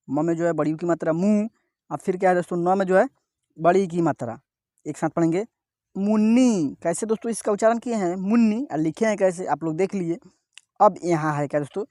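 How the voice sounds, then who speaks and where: A male teacher giving a step-by-step reading lesson, sounding out each syllable slowly and repeatedly asking his viewers "what, friends?". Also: high-pitched, darkish tone, no room sound, studio quality.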